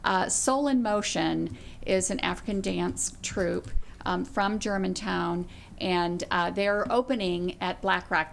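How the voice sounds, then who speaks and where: A woman giving heartfelt, halting remarks at a council session, thanking the community. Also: lowish voice, gravelly, a bit bright, a little hiss or hum.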